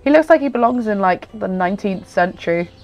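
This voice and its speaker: A woman's voice: medium pitch, animated, a little fast, a little mellow, dull audio, soft background music. A woman with a nasal, blocked-nose voice from a cold, chatting casually and ramblingly as she hosts gameplay commentary. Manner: chatty, rambling, self-interrupting. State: congested with a cold. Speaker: gaming video host.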